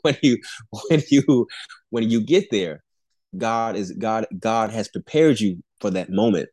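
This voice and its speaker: A man in his 40s, a pastor and Air Force airman, speaks as a podcast guest in a deepish, slightly mellow voice, recorded dry and close. Unhurried and earnest, he shares a candid faith testimony in a preaching tone, often restarting and repeating words, with chuckles between phrases.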